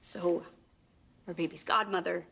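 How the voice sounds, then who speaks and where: A woman playing a warm new mother in a sitcom, speaking sincerely and deliberately with gentle teasing. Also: on the low side, steady tone, vocal fry, a little hiss or hum, exaggerated voice. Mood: heartfelt. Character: warm new mother naming her baby. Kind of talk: sitcom acting, heartfelt speech.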